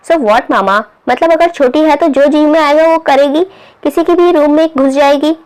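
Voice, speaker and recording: A woman's voice: high-pitched, normal speed, darkish tone, pitched above the performer's own voice, natural voice. Woman reading grumpy uptight young guy, complaining. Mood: irritated. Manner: irritable, complaining. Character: young man, stiff and irritable.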